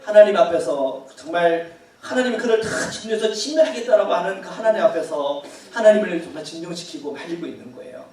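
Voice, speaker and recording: A male pastor leads a Bible study in a conversational, questioning way and laughs easily. His voice sits a little high. The church hall adds heavy echo, and the mic is at a distance. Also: expressive, fast, a little mellow. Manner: conversational, asks the congregation questions and laughs often.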